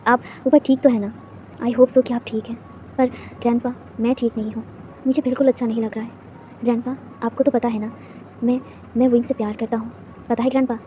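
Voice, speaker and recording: A woman's voice: high-pitched, steady tone, quick pace, dark tone, slight background noise. A woman voicing a lovesick young male boss who stammers and pleads through tears, in a storybook reading. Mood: quiet grief.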